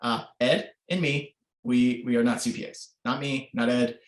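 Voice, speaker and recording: A man's voice: mid-range voice, steady tone, normal speed. A man presenting an online workshop, explaining informally with many filler sounds over a video call. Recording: roomy echo.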